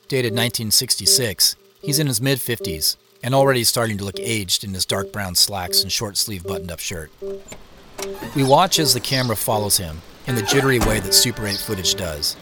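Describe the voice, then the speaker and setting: The narrator, an actor, plays a curious and reflective man in his forties from Seattle, United States, telling a family mystery in scripted first person over music. His fairly low voice moves at a moderate pace, only lightly acted.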